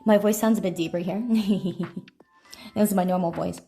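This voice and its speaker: At night in an echoey indoor room, a woman livestreamer rambles conversationally into a phone mic while eating snacks, soft music playing behind her. Her self-described deeper voice is gravelly and mellow, with a steady tone and moderate pace.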